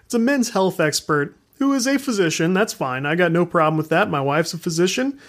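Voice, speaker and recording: A man's voice: sits high, fairly quick. Ranting, frank podcast host man. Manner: ranting, frank, swears freely; animated, laughs while talking. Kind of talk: casual podcast monologue.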